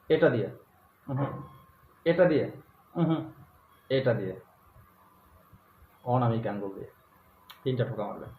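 A man speaking as a spiritual guru, talking slowly and repetitively and chanting a mantra in a drawn-out cadence. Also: mid-range voice. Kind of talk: instructional spiritual talk to viewers. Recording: echoey, tinny phone-like sound with faint noise.

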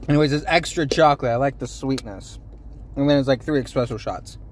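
A man's voice: medium pitch, a little fast, a little hiss or hum. A young man chatting casually to his phone camera from a parked car, rambling with lots of ums and self-corrections. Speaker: vlogger. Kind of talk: casual unscripted chat to camera.

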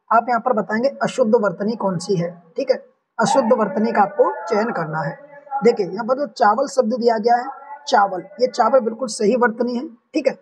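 A man's voice: extremely high pitch, distant mic, highs cut off, a little hiss or hum. A man teaching an online exam-prep language lesson, walking through each answer option step by step and repeating the correct ones. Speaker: Hindi exam tutor.

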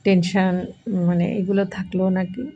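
A middle-aged woman with a hoarse voice chatting casually and haltingly as she narrates a vlog. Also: medium pitch, flat delivery, dull audio. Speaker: vlogger.

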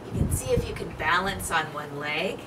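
A woman in her thirties with a lowish voice hosts an interactive picture-book read-aloud for young children, animated and deliberate. She's outdoors on an apartment balcony, picked up by a camera microphone a few feet away, with ambient noise around her.

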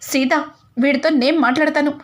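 A woman's voice: high-pitched, steady tone, normal speed, close to an everyday voice. A woman voicing a scheming, domineering middle-aged mother who scolds harshly. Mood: scolding.

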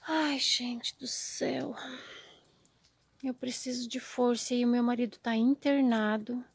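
A woman's voice: fairly high pitch, warm tone, no echo. A woman vlogging in her home garden, dismayed and close to tears, often sighing and dropping to near-whispers. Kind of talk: casual vlog to camera.

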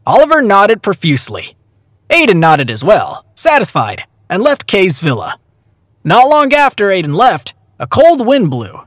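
A man narrating a story in an animated, storytelling way. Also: high-pitched, no echo. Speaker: audiobook narrator. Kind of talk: scripted narration. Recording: dry close recording, faint music.

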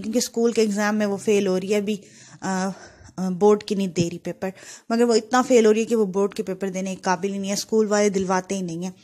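Chatty woman recapping a drama episode. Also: mid-range voice. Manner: chatty, retells scenes with many fillers. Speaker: drama reviewer.

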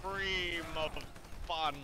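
A man's voice: high-pitched, steady tone, extremely slow, pushed and bright. A man joking around in casual gameplay banter, goofy and theatrical, often slipping into silly put-on voices. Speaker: gaming chat guest.

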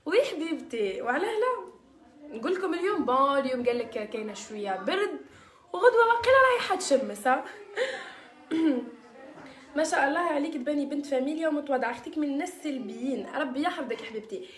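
Algerian woman hosting a casual live stream, high-pitched and quick, mixing in French words, in an echoey room. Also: expressive. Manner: chatty, sprinkles French words. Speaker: live-stream host selling beauty mixtures. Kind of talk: casual live-stream chat reading viewer comments.

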